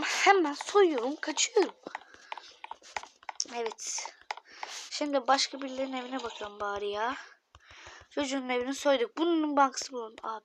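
A woman's voice: high-pitched, background noise. A woman giving casual gaming commentary to her viewers, chatty and often dropping into a whisper. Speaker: gaming YouTuber.

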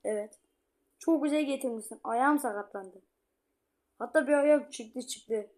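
A woman joking and teasing with friends while playing a game, quick to swear. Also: fairly high pitch, a little mellow. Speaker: gamer. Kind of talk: casual gameplay banter.

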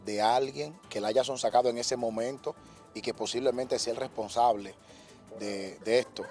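A man working as a news reporter, asking formal, measured questions in an outdoor interview. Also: medium pitch, fairly even intonation, a little mellow, soft background music.

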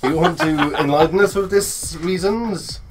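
A man's voice: high-pitched, background noise. A man co-hosting a casual gaming podcast, firing off short wisecracks and laughing often. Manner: wisecracking, quick quips with frequent laughs. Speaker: podcast co-host. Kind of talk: casual chat.

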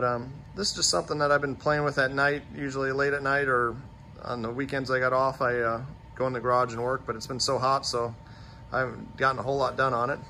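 Shop owner, male, mid-pitched, unpolished narration full of fillers, recorded on a phone over a loud steady shop hum. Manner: plain, halting, many fillers. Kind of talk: casual shop walkthrough narration. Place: large metal fabrication shop.

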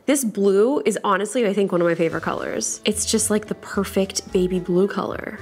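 A woman hosting a casual unboxing vlog from her own studio, bubbly and excitable and gushing over what she unpacks. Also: mid-range voice, brisk, faint music behind. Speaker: tech YouTuber host.

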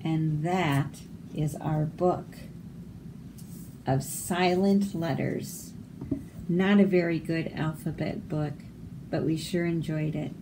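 A woman teacher reading a picture book aloud to young children, explaining each word slowly and carefully. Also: low-pitched, steady tone, background noise. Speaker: elementary school teacher.

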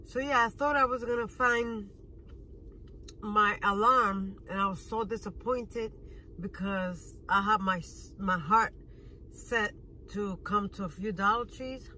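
Sitting in a parked car, a vlogger in her thirties films a food review on her phone at arm's length, chatting casually while she eats, with audible smacking sounds. Her mid-range voice is sharp and a little slow, and the low-quality recording has slight background noise.

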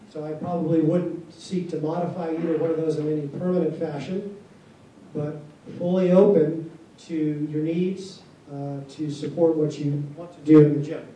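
A man leading a town hall meeting as base commander, answering questions in a measured, formal, plainspoken way before a seated audience. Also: fairly high pitch, warm tone. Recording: echoey hall from far off, faint noise.

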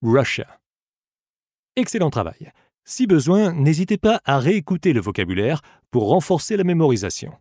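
A man reading a scripted audiobook language lesson, giving slow, careful model pronunciations for the listener to repeat. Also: on the high side, big pitch swings, warm tone, no room sound, studio quality. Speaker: language teacher.

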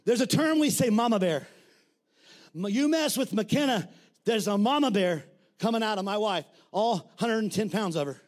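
A middle-aged man preaches a fiery sermon, his voice sitting very high for a man. He talks bluntly and colloquially and often breaks into shouts. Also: lively intonation, normal speed. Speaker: pastor.

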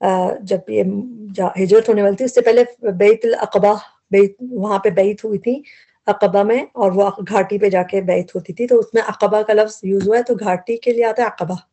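A woman a mellow, warm voice walks students through a Quran lesson word by word. She explains each root word patiently, often repeating and correcting herself mid-phrase. Her speech mixes in throughout. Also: mid-range voice, fairly even intonation, moderate pace, slightly rough.

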